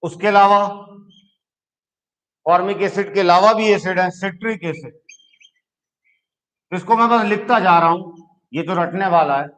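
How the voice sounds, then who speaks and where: Man, chemistry teacher, high pitch, patient classroom lecture. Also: a little slow, long pauses, a bit bright, poor audio. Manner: explains patiently, checks in with "ठीक है".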